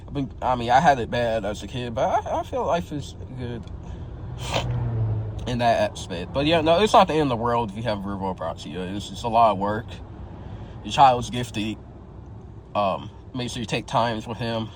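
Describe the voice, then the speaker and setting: A man's voice: mid-range voice, animated, moderate pace, slight background noise, low-quality recording. A man in his twenties with a slight lisp, talking casually and candidly to his viewers in a slangy way. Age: 20s. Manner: slangy and candid, tags phrases with "bro" and "yo", many restarts. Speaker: vlogger sharing his experience. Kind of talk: casual talk to camera.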